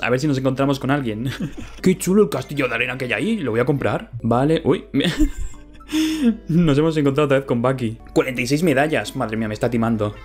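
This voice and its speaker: A young man from Spain with a Spanish accent, casually commentating his gameplay in an excitable, chatty way and laughing often. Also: mid-range voice. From Valencian Community, Spain. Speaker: gaming YouTuber. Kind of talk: casual let's-play commentary.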